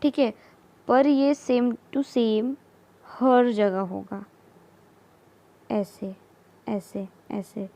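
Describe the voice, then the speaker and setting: Woman, biology teacher, unhurried and soft-toned, repeats each term while sketching. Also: a little high. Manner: slow, repeats terms, mixes English terms into Hindi, frequent "theek hai". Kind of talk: explaining while drawing diagrams.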